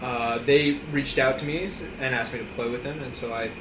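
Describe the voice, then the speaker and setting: Young college guy, earnest and halting, far from the mic, echoey with an ac hum. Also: mid-range voice, steady tone. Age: young adult. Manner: earnest, halting, many "uh" pauses. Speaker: bassist guest, music student. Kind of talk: casual interview answers.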